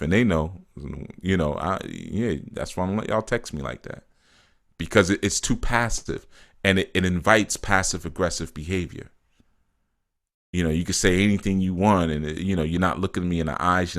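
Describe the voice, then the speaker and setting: A man with a very low voice talks loosely on a live stream, reading out viewers' comments and answering each one. He laughs often and drops "you know" and "man" into his sentences. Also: fairly bright tone. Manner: reads viewer comments aloud and answers them. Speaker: spiritual teacher answering live chat.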